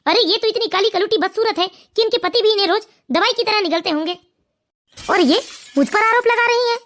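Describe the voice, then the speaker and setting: A smug, sleazy son-in-law in a cartoon, voiced by a woman. He talks quickly in a very high voice and mocks others with open scorn. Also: a bit bright. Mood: self-righteous. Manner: smug, mocking. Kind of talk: cartoon voice acting.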